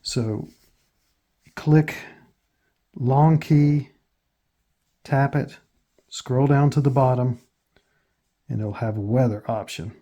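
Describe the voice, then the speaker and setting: This American man guides listeners through instructions as the host of a tutorial. He sounds husky and soft-edged at medium pitch, dark and relaxed in tone. His delivery is casual and plain, with pauses as he moves on to each new step.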